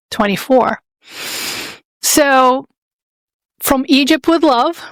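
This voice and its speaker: A woman's voice: on the high side, no echo. A woman in her fifties from Saudi Arabia hosting a podcast, talking in an earnest, reflective way and often restarting her phrases as she searches for words. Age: 50s. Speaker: podcast host.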